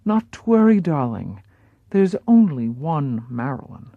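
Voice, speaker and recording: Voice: medium pitch, sing-song, unhurried, dry recording, narrow, tinny audio. A narrator doing a soothing European acting coach. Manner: soothing, reassuring. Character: comforting female acting coach with a European accent.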